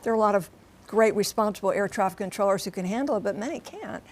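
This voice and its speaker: A quick-paced, medium-pitched woman's voice belongs to an American TV transportation correspondent and pilot. She explains emphatically in short, clipped phrases during a conversational live news report.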